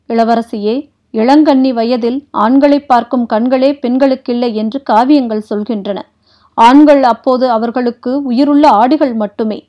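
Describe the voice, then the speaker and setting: A woman voicing a stern, restrained old warrior-prince who speaks in a grave, measured, formal way, read for an audiobook. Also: fairly high pitch, lo-fi sound, natural voice. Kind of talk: audiobook character reading.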